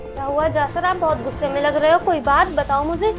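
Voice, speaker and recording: Woman as a young wife standing up to her family, very high voice, loud music. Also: fairly even intonation, fairly quick, lightly acted. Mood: concerned. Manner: indignant, outspoken. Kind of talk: web-series family drama acting. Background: background music.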